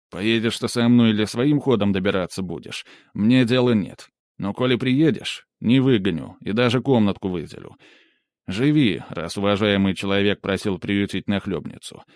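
A male narrator reading a first-person audiobook with a wry, matter-of-fact delivery. His voice sits fairly low. The recording is dry and close to the mic. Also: a little mellow, no echo.

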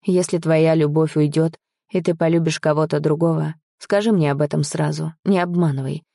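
A woman voicing a brooding young man in a wheelchair, gruff and bitter but tender. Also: sits low, steady tone, normal speed, warm tone, no room sound, clean studio sound.

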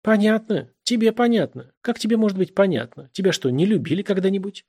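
A brash young woman who needles and exclaims at her lover, put on by a male narrator. Her voice sits well above the reader's own and keeps a husky edge. An audiobook reading. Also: sits high, animated, brisk, warm tone, pitched above the performer's own voice. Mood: teasing.

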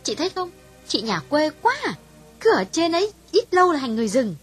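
A woman voicing a gossipy, blunt young woman in an audiobook, asking prying questions in a husky voice. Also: on the high side, very animated, fairly quick, fairly bright tone, soft background music, full character voice. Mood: teasing. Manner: scolding, nosy questions. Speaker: audiobook voice actress.

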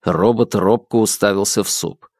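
A man narrating an audiobook in an expressive, varied reading. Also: lowish voice, moderate pace, no echo, studio quality. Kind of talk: scripted narration.

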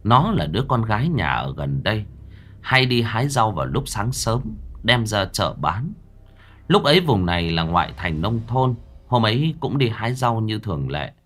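A man's voice: on the low side, sing-song, moderate pace, a bit bright. A man narrating a horror story in the first person with dramatic, vivid delivery.

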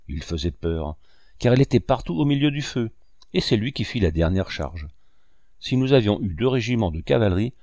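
A man narrating a first-person memoir in a steady, measured way. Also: medium pitch, no room sound, clean studio sound. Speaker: audiobook reader.

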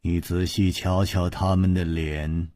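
A male storyteller voicing a calm, sharp-witted swordsman hero, speaking low, measured and grave with a husky voice. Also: dry recording, studio quality.

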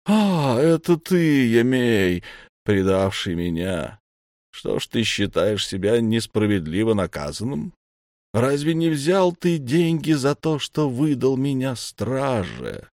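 A man voicing a calm, lofty god. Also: mid-range voice, dry recording, studio quality. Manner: slow, measured, regretful.

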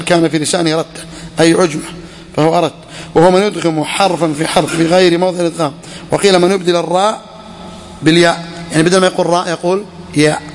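A man teaching a class on a legal text, questioning his students and repeating key phrases. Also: a little high. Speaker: religious teacher. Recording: echoey hall.

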